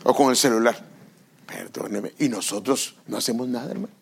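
An older man preaching a sermon as pastor, animated and acting out parents and children in little scenes. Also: medium pitch, brisk, creaky, slight background noise.

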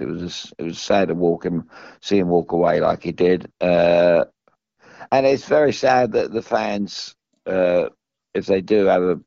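An older British man in casual football discussion, halting and often restarting his phrases as a pundit. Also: sits low, gravelly, a little mellow, no room sound. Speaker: former professional footballer, pundit. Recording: dull, dry close recording.

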